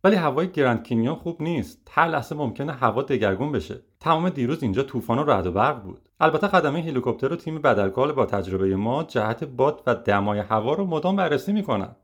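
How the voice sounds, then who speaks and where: A man voicing a defensive, excitable male TV presenter in an audiobook reading. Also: medium pitch, few pauses, husky, voice pushed up.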